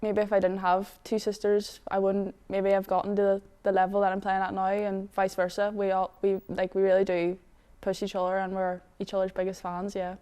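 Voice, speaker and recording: A woman's voice: medium pitch, completely flat delivery, fairly quick, hardly any pauses, warm tone, clear, resonant tone. A woman in her twenties from Northern Ireland with a Derry accent, chatting casually as a footballer in an interview. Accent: Derry, Northern Irish. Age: 20s. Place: studio.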